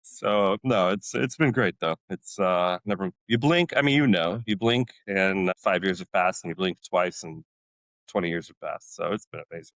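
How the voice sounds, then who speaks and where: A retired Army warrant officer, a Polish-native man in his forties, casually and animatedly swaps army stories as a podcast guest, laughing often and playing out other people's parts. He talks at normal speed in a low-pitched, slightly bright voice, captured in a dry recording.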